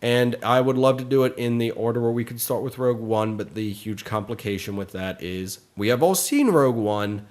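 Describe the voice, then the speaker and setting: A man's voice: medium pitch, moderate pace, few pauses, darkish tone. Chatty man co-hosting a podcast. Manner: chatty, plugs the show with upbeat wrap-up energy. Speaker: podcast co-host. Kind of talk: casual podcast chat.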